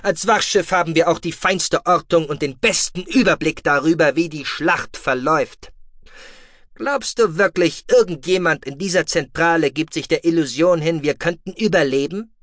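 A man voicing a calm, dry-witted male alien ship commander in an audiobook, commanding and sardonic. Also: a little high, normal speed, no room sound, voice pushed up, lightly acted.

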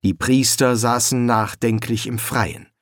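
A man reading an audiobook in a measured, expressive storybook narration. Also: medium pitch, no room sound, studio quality.

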